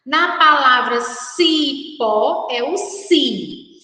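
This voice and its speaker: A middle-aged woman teacher giving a slow, patient lesson to young children, spelling out syllables one by one. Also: high voice, lively intonation, pushed and bright. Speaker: primary school teacher. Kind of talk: recorded classroom lesson for children. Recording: echoey room, mic far off.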